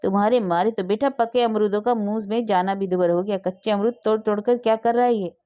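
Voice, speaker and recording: A woman's voice: medium pitch, fairly even intonation, fairly quick, mellow, lightly acted. A woman voicing a spiteful, nagging old woman who scolds and shrieks, in a slightly dull recording. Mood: complaining.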